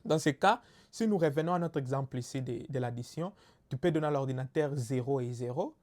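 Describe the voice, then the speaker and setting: A man with a Congolese French accent teaches a recorded lesson in a mid-range voice. He explains patiently and step by step. He often pauses on fillers and checks that his listeners follow. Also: mid-range voice, a little mellow. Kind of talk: recorded lecture.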